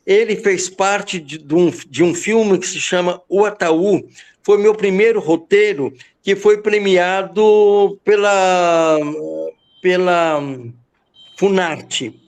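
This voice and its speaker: A man's voice: high voice, slow. A man from Goiás in Brazil, a poet telling the story behind his book and reciting his verses in a rhythmic, incantatory way over a video call. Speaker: poet and guest speaker.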